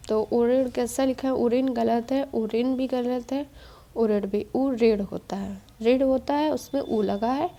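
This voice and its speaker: A woman with a fairly high but mellow voice works through a spelling quiz for exam students. She explains each answer in a steady, plain teaching tone, with English quiz terms dropped in. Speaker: exam-prep Hindi teacher. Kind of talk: spelling quiz walkthrough lesson.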